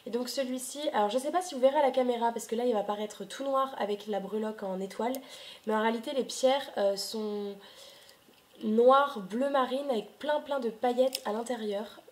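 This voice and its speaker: A young woman who vlogs about books chats casually into her camera at home, her voice on the high side at a normal speed. She talks with lots of hesitations and filler words.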